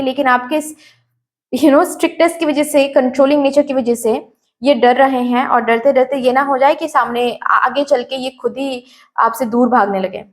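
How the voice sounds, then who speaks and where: A woman giving a tarot reading, speaking straight to the viewer, mixing English words into her Hindi and repeating phrases. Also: sits high. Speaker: tarot reader.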